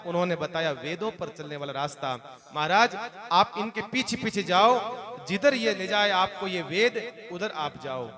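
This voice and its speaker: A male preacher telling a devotional story to a gathering, acting out the characters' wailing in an animated voice. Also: fairly high pitch. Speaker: katha preacher. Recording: live crowd audible behind.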